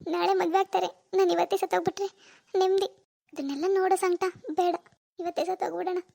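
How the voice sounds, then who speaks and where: A woman's voice: very high voice, fairly even intonation, quick pace, gravelly, mellow. A woman voicing a heartbroken young wife in a cartoon, tearful and resigned. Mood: despairing. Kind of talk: animated cartoon dialogue.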